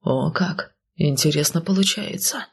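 A man's voice: a little high, unhurried, gravelly, slightly rough, full character voice. A woman voicing a blunt, demanding northern conqueror who barks curt orders. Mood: mocking. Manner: barking, curt.

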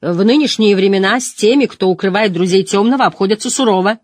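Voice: mid-range voice, fast, no room sound, voice pushed up, lightly acted. A reader voicing a sneering male officer of a zealot order, mocking and threatening in an audiobook reading. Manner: mocking, threatening, spits words through teeth.

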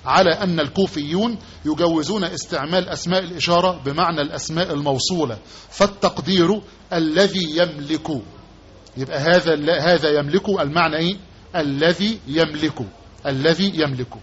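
A man's voice: on the high side, fairly quick, fairly bright tone. A man with an Egyptian Arabic accent giving a religious lesson as a sheikh, repeating key words and quizzing his listeners with rhetorical questions. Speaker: sheikh teaching hadith commentary. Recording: dull lo-fi lesson recording with faint background noise.

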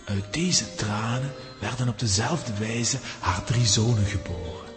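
A lowish male voice, lightly acted, tells a mountain legend in solemn storytelling mode, portraying the gravely wise head lama of a mountain monastery with formal, measured speech. It's made for a Dutch-language children's audio drama and recorded in a long, reverberant hall with music playing behind.

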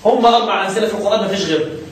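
A man with an Egyptian accent teaching a religious lesson, chanting verses slowly and then explaining them in colloquial speech with questions to his students. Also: high-pitched. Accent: Egyptian Arabic. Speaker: Quran recitation teacher. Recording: very echoey room, mic far off.

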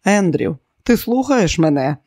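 A man's voice: high voice, very animated, measured pace, a little mellow, slightly rough, no room sound, full character voice. Man reading a domineering, boastful villain, raised voice, dry audiobook sound. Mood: smug. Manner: boastful and commanding. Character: arrogant scheming man, quick to rage.

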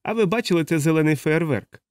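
A slurring, boisterous old drunk, blind and sorry for himself, as a man puts him on in an audiobook. The voice sits much higher than the reader's natural one. It is heard dry and close. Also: quick pace, a little mellow, clean tone, no echo, natural voice. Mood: drunken grumbling. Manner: slurred, boisterous, self-pitying. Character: drunk blind stout middle-aged publican man. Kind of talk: audiobook character voice.

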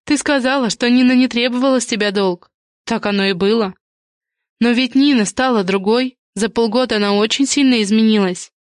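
A woman voicing a shrewd, sharp-tongued female friend who probes and insinuates, in an audiobook. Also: on the high side, brisk, dry recording, studio quality, lightly acted. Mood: probing. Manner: probing, insinuating. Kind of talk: audiobook character reading.

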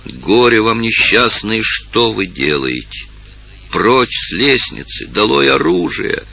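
A man's voice: deep voice, animated, normal speed, bright, forceful tone, a little hiss or hum, exaggerated voice. A man reading aloud and voicing a pale old male village elder who pleads and commands with a raised voice. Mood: commanding.

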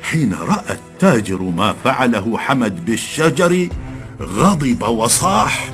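A man narrating a folk tale in a calm, measured storytelling voice. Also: medium pitch. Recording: background music.

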